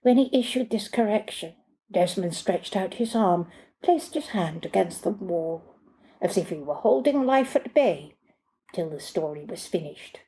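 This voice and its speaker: A woman in her sixties, an author, reading her own short story aloud in a measured, deliberate way. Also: medium pitch, expressive, dark tone. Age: 60s.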